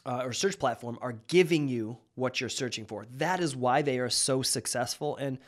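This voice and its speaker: A man's voice: mid-range voice, normal speed. Man in his thirties with a mid-range voice, hosting and talking through ideas casually, often restarting. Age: 30s. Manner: conversational, with frequent restarts and rhetorical "right?". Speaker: marketing host. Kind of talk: casual explainer monologue.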